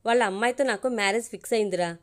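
A woman's voice: medium pitch, racing, lightly acted. A woman voicing an anxious young man pleading with his best friend, in a storybook reading.

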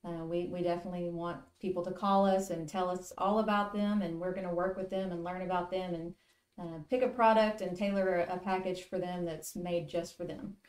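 Female guest, 30s, lender, calm explainer, lowish voice, echoey studio sound. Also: a little fast. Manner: steady, informative, frequent "um" fillers. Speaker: farm lending relationship manager, guest. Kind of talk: explanatory interview answers. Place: indoor studio with virtual backdrop. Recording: roomy room sound.

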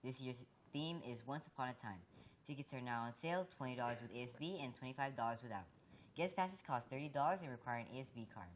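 A teenage student news anchor reading school announcements in a brisk, matter-of-fact way. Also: female voice, a bass voice, a little hiss or hum. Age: teens.

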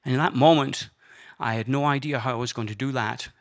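An older Scottish man speaks to a conference audience, telling his personal story in an earnest, measured way. His voice is of middling pitch for a man. He talks into a handheld microphone in a conference room. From Scotland.

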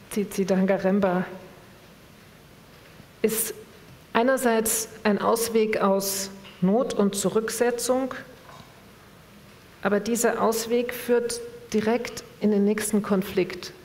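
A woman reading from a novel in a measured, expressive way, then asking an author a question at a public reading event. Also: medium pitch. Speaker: reader and moderator. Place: event hall. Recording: long reverb of a hall.

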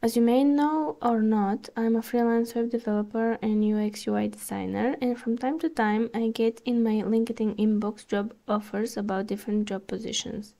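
A podcast host whose first language is Bulgarian reads her own article aloud, calm and measured, with small hesitations and the occasional "uh." Her slightly high voice is mellow, soft, and creaky rather than bright, and she is recorded close to the mic.

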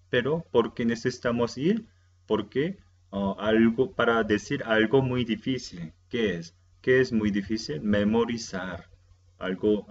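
A man's voice: mid-range voice, dull audio, a little hiss or hum. A man whose first language is Korean, teaching a language lesson with a patient, repetitive delivery that keeps checking his students follow. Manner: repeats key words and checks understanding with "¿sí?".

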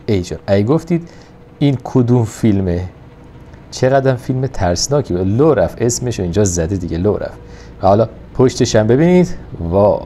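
A man giving casual, excited commentary over a mobile truck game, coaxing the truck along. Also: fairly low pitch, slight background noise. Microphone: phone recording.

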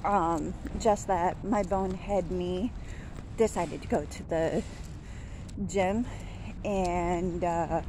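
A woman in her thirties with a lowish, steady voice speaks slowly with long pauses. She's a vlogger on a walk-and-talk vlog, rambling casually with lots of fillers and restarts, filming on a phone held at arm's length outside a store in the daytime, with traffic noise in the recording.

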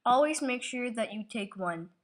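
A woman's voice: a little high, expressive, normal speed, slight background noise, lightly acted. A woman voicing a fussy, prim male protocol droid who reviews a gym in a homemade toy video, often saying "oh my". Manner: prim, easily flustered, says "oh my".

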